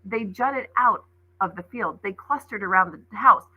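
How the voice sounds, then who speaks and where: A woman with a mid-range, slightly rough voice reads a children's novel aloud at a measured pace, storytelling expressively like a teacher reading to her class. The audio has a phone-quality sound.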